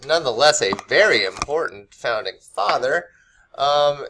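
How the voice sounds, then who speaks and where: A man's voice: fairly high pitch, bright, forceful tone. A man giving an unscripted history lesson to camera, loose and conversational, with many fillers and restarts. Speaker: history teacher. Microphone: camera mic.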